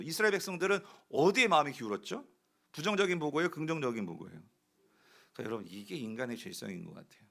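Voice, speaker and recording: High, animated male pastor preaching. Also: creaky. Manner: animated preaching, asks the congregation questions and answers them; acts out quoted speech of the spies and of Caleb. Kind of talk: sermon.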